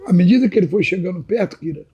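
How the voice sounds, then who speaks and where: A man's voice: sits high, very fast, husky, highs cut off. A man, telling old stories as a podcast guest and often addressing the host by name. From Minas Gerais, Brazil. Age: 80s. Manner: animated anecdotal storytelling, repeatedly addressing the host by name. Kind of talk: casual storytelling chat.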